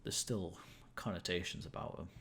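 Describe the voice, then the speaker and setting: There's slight background noise as a young man talks gameplay with his stream viewers in a loose, rambling way, often laughing at himself and stumbling through fillers and restarts. He speaks at a moderate pace in a low, fairly bright voice with fairly even intonation.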